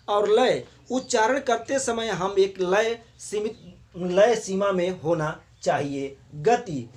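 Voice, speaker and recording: A man teaching a college class, explaining points step by step and repeating filler phrases often. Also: sits high. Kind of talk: classroom lecture on Hindi pronunciation.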